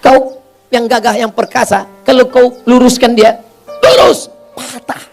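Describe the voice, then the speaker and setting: A man delivers a humorous sermon in a high, bright voice. He fires off rhetorical questions and repeats phrases in a steady rhythm. Faint music plays behind him. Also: a little slow, creaky. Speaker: preacher.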